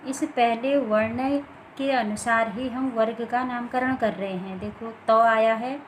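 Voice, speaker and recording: Slow, unhurried woman teaching grammar. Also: on the high side, steady tone, a little hiss or hum, low-quality recording. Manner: slow, deliberate explaining with many pauses. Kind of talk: grammar lesson explaining from written notes.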